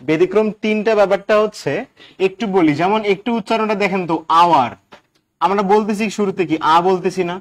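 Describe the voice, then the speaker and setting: Male grammar tutor, high voice, chatty, keeps quizzing the class. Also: steady tone, fast. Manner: chatty, quizzes students with questions. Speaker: English grammar teacher. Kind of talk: live online class.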